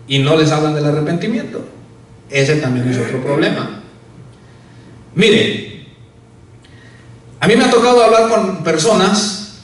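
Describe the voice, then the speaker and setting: Preaching in a church sanctuary, this high-voiced, somewhat bright male pastor lifts his pitch on key words and sinks low on every "hermano." His sermon comes across distant, swallowed by the hall's heavy echo.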